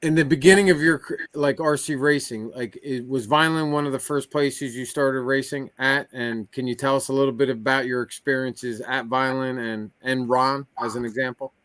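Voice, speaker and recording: A man's voice: mid-range voice, fairly even intonation, normal speed, few pauses, fairly bright tone, no room sound. A man hosting a casual podcast, his voice recorded dry and close with no room sound. He eases into his questions conversationally, restarting a phrase here and there before he gets to the point. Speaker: podcast host.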